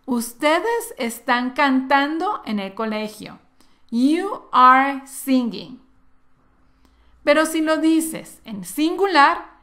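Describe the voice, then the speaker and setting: Lady teacher going over english sentences really slow, high voice, says everything twice. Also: a bit bright. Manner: drills words slowly and repeats each phrase twice. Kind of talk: slow, clear bilingual English lesson.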